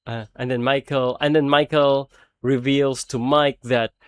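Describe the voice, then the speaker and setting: Animated, swearing man ranting in a dry room. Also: mid-range voice, measured pace, smooth, dry recording. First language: not English. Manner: animated, swears often, laughs while talking. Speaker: video creator reviewing a film. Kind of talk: casual plot rant.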